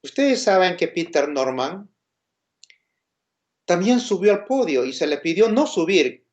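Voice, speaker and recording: Very animated yet unhurried, a Peruvian man with a high voice delivers an informal lecture in Peruvian-accented Spanish, explaining things while posing questions and checking on his audience. The audio is dull and lo-fi.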